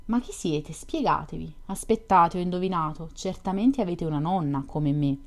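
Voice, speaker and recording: A talkative young woman full of teasing questions, read by a woman narrating a novel. The voice sits fairly low and sounds mellow and soft-edged. She chats along in a quick, curious, playful way. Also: natural voice. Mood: chatty, teasing. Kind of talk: audiobook reading of a novel.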